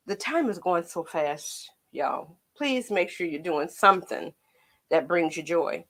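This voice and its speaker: A woman's voice: fairly low pitch, lively intonation, measured pace. An American woman with a tinny, slightly metallic voice chats casually on a painting livestream, rambling playfully to her viewers as host and art teacher.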